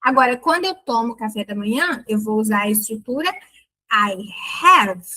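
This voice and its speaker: A woman teaching an online English lesson, explaining grammar in a lively, playful way and exaggerating her intonation on examples. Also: a little high, fairly quick, low-quality recording. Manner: chatty and playful with students.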